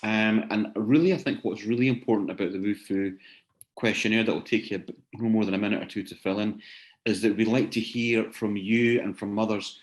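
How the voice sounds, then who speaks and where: Closing an online video seminar he hosts, a man speaks informally to attendees, hesitant and frequently repeating himself as he looks for words. He talks fairly quickly in a lowish, steady voice.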